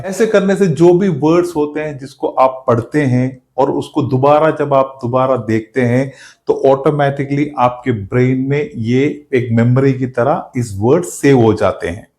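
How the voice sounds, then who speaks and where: A man with a mid-pitched voice gives a spoken lesson on spelling. He explains step by step and drops to a slow, careful pace whenever he spells a word out letter by letter. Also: a little mellow. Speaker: English teacher.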